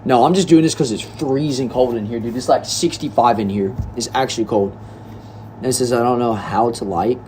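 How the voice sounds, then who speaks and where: This is casual livestream chat from a nineteen-year-old guy from Texas, USA, who reads viewers' comments aloud in a relaxed, chatty manner and calls them "bro" and "y'all." His voice sits mid-range, a little mellow, and he speaks fairly quickly. A faint hiss or hum runs under the indoor recording.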